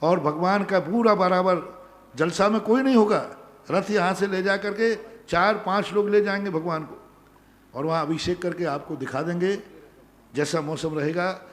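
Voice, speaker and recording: Emphatic monk preaching in a reverberant hall. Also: male voice, high-pitched, normal speed. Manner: emphatic, repeats commands. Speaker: Jain monk giving a discourse. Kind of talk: sermon answering devotees' questions. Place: large pandal, nearly empty.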